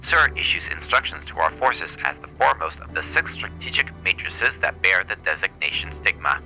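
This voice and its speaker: A cold machine soldier speaks in a flat, clipped robot voice, as a man puts it on while playing a game. The tone sits very low with a hard, cutting edge. Each line is delivered as if reading out a status report. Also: normal speed, faint music behind, heavily acted, poor audio. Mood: flat robotic. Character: cold, monotone male robot soldier, matter-of-fact. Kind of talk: reading game dialogue aloud in character.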